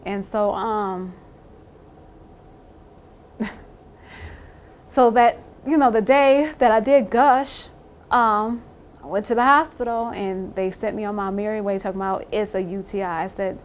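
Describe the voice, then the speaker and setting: A woman's voice: medium pitch, unhurried, pauses often. Blunt, emphatic woman telling her story. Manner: blunt and emphatic, swears, laughs wryly. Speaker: interviewee. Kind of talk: candid personal account.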